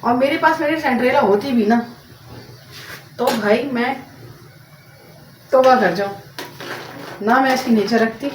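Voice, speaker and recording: A woman's voice: fairly high pitch, unhurried, long pauses. Chatty woman vlogging, far from the mic. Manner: chatty and rambling, mixing in English words. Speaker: home vlogger. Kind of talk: rambling casual vlog chat. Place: home, cooking in the kitchen. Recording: roomy, distant mic with noisy background.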